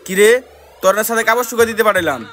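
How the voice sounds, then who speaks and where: Guy doing a high-voiced nagging mom, talks super fast, threatens the kids. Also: bright, forceful tone, a little hiss or hum. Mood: scolding. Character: scolding, short-tempered mother of two sons. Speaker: actor in a comedy skit. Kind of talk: comic skit acting. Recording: background music under voices.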